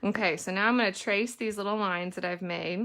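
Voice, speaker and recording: A woman's voice: mid-range voice, fairly quick, a bit bright. Chatty woman leading a painting lesson. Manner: chatty, talks through each step. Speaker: lettering teacher and mother. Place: indoor home studio.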